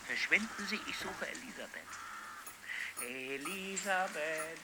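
A man's voice: fairly high pitch, expressive, slow, echoey room, very noisy. An actor playing a confused, distraught old man in a radio drama, calling out insistently and brusquely. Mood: plaintive calling.

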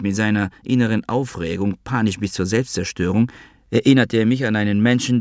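A man reading a literary novel in the first person, measured and calm. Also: fairly low pitch, dry recording, clean studio sound. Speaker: audiobook narrator.

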